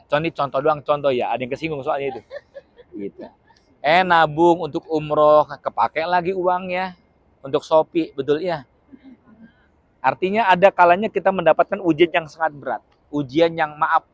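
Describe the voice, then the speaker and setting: Guy giving a funny sermon, kinda high voice, keeps asking the crowd stuff, dry close sound. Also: dry recording. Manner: humorous, keeps asking the audience questions; acts out short dramatic quotes with shouts. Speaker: Islamic preacher. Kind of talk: lively religious lecture to a live audience.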